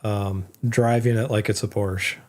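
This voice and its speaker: A man's voice: on the low side, steady tone, measured pace. A man co-hosting a casual live stream, joking and laughing often. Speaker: co-host. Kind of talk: casual chat.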